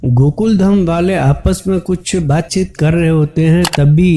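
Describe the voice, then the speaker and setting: A man's voice: fairly high pitch, unhurried, mellow. A man casually retelling a TV episode, running straight from plain narration into the characters' quoted lines.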